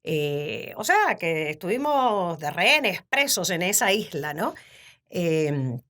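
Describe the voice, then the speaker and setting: A Cuban woman in her fifties, speaking in an animated, laughing way as a guest in a casual interview. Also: lowish voice, slow pace. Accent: Cuban Spanish. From Cuba. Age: 50s. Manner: warm, animated storytelling with frequent laughter. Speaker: podcast guest.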